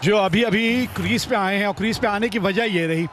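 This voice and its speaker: A male cricket commentator with a high voice calls the match live. His delivery is emphatic and rhetorical, set against clearly audible stadium noise. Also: moderate pace, fairly bright tone.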